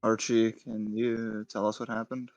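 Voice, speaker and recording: A man's voice: on the low side, flat delivery, unhurried, a little mellow, no echo, dull audio. A man playing a tabletop game, talking casually and joking. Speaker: player.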